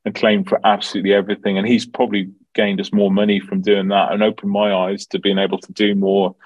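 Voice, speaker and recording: A man's voice: lowish voice, completely flat delivery, fast, a little mellow, no room sound, muffled recording. A man with a Dublin Irish accent giving informal, explanatory answers in an interview about his work. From Dublin, Ireland. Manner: explanatory, informal, peppered with 'you know'. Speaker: farm manager, interview guest.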